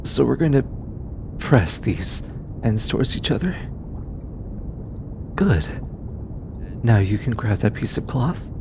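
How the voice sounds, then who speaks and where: In an audio roleplay, a young man voices a gentle, flustered alien scientist who speaks close and personal to the listener. He is soft-spoken, slow and hesitant, stammering over an animated, swinging melody in a gentle, guiding mood, with a clear rumbling noise behind him.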